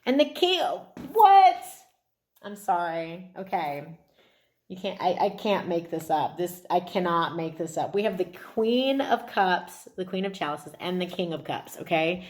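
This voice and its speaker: A woman's voice: lowish voice, normal speed. A woman giving a casual, intimate tarot reading to viewers in an informal, effusive way, with mild swearing. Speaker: tarot card reader.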